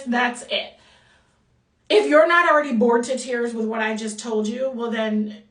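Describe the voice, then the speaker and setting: A woman's voice: a little high, fairly bright tone, echoey room, far from the mic. A woman from the United States giving a blunt, sassy movie review in a casual rant. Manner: sassy, exasperated, blunt with mild swearing.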